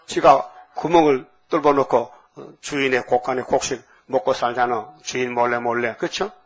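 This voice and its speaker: A man's voice: mid-range voice, fairly bright tone, breathy edge. Man preaching in a scolding, colloquial way. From Korea. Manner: colloquial, scolding, acts out quoted speech, chants words. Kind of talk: dawn sermon.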